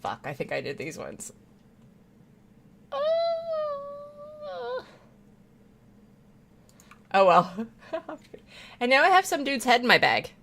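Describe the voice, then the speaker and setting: A woman's voice: extremely high pitch, wildly swooping pitch, extremely slow, gravelly, long pauses, a bit bright. A woman streamer chatting casually while playing a game, rambling, swearing freely and laughing often. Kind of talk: casual chat while gaming.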